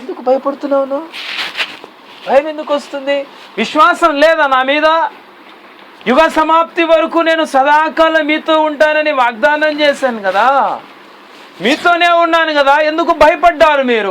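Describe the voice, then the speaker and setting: A caring male God questions his followers over and over, as a preacher acts him out. The voice climbs high and pleads. A man performs it with lively, swooping pitch and a faint hiss behind. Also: moderate pace, heavily acted. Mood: pleading. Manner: pleading, repeated rhetorical questions.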